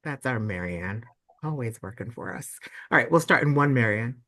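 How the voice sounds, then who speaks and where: Effusive young male host, upbeat over a video call, middle pitch. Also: lively intonation, moderate pace, sharp tone. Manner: bubbly and effusive, gushing over ideas. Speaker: webinar host for volunteers and parents. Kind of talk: casual online meeting presentation.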